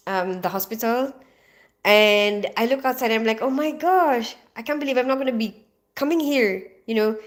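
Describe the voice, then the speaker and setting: A middle-aged woman from the Philippines hosting a casual livestream, reading viewer comments aloud and chatting with a quick laugh. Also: fairly high pitch, fairly bright tone. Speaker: livestream host.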